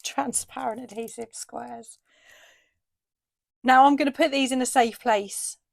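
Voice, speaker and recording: Chatty woman crafter, slightly high voice. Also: fairly even intonation, unhurried, gravelly, no echo. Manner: chatty, enthusiastic, frequent ooh and fillers. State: losing her voice. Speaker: craft shop owner and vlogger. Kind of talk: casual video update and unboxing.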